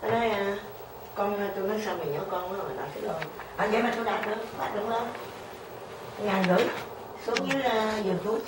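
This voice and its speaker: A woman's voice: mid-range voice, fast. An older woman, telling a story in a casual chat and acting out the voices of the people in it. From Vietnam. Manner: animated storyteller, acts out quoted voices. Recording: roomy, distant radio recording with background noise.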